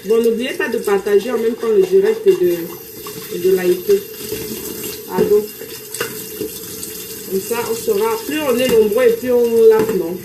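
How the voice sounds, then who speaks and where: A chatty woman with a Cameroonian French accent hosts a casual live stream from her home kitchen, greeting viewers as she cooks. Her voice sits a little high, and the room rings with echo under a faint hiss of noise. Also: measured pace, long pauses. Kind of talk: casual live-stream chat while cooking.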